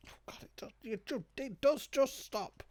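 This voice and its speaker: A British man co-commentating on a game in casual banter, sardonic and deadpan. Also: very high-pitched, moderate pace. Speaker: gaming co-commentator. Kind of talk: dry casual banter over gameplay.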